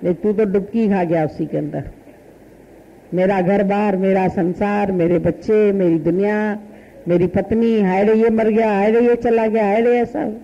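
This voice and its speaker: A woman's voice: mid-range voice, fairly even intonation, measured pace, highs cut off, a little hiss or hum. A woman spiritual teacher giving a satsang sermon, telling a story in short, repetitive, folksy phrases.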